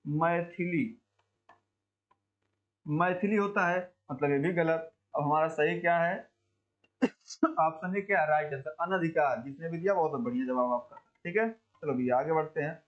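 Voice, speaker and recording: A man teaching an exam coaching lesson, quizzing students and slowly repeating words to drill pronunciation, chatty and calling listeners brother. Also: a little high, lo-fi sound. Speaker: Hindi teacher.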